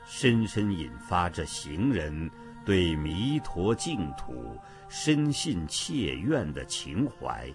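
Slow, solemn male narrator over music. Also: low voice. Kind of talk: scripted narration on Buddhist chanting.

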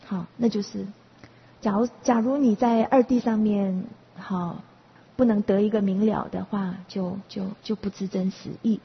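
A woman's voice: medium pitch, steady tone, measured pace, husky. A woman teaching a Buddhist class, explaining patiently and repeating herself, with many checking questions to the students. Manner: patient, explaining with frequent rhetorical questions and repetitions. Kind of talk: dharma class lecture. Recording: reverberant, muffled lo-fi recording.

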